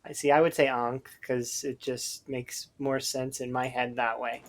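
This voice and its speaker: A man's voice: mid-range voice, little pitch movement, measured pace. A Canadian man chatting casually while streaming a game, rambling with lots of hesitant fillers. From Alberta, Canada.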